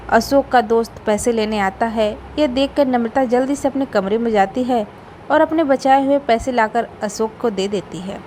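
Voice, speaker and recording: A woman narrating a family moral story in a steady storybook manner. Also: fairly high pitch, slight background noise, low-quality recording.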